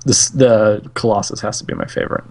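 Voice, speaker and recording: A man's voice: on the low side, steady tone, quick pace, a little mellow. A man co-hosting a casual gaming podcast, sounding friendly and enthusiastic. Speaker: co-host.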